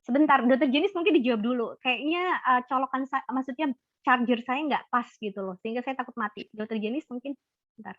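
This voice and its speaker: A woman's voice: high voice, a little fast, dry recording. A woman doctor with a Javanese accent, explaining parenting in a casual, chatty way with many fillers and restarts. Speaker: doctor and guest speaker. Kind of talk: casual webinar talk. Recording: dry, slightly muffled call audio.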